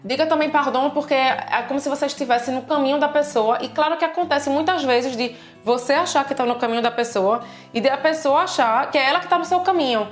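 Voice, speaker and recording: A Brazilian woman with a Brazilian Portuguese accent, explaining customs in a casual video lesson with lively examples. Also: high voice, fast talker. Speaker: language teacher and co-host. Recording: echoey room with faint music.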